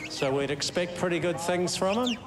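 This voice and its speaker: A male event commentator with a New Zealand accent calls the action with keen exclamations. His voice sits high for a man and echoes around an outdoor arena, with clear noise and dogs barking behind it. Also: animated, normal speed. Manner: enthusiastic, exclamatory. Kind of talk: live sports commentary. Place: outdoor arena in a city square.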